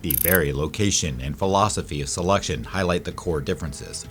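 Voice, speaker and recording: A man giving dramatic, measured scripted documentary narration, slowing down on key phrases. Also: low-pitched, faint music behind.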